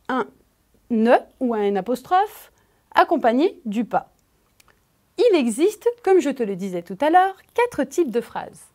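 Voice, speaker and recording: A woman's voice: sits high, a little mellow. A woman with a French accent teaching a grammar lesson to children, speaking to the pupil directly and stressing key words. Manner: slow, emphatic, addresses the pupil directly.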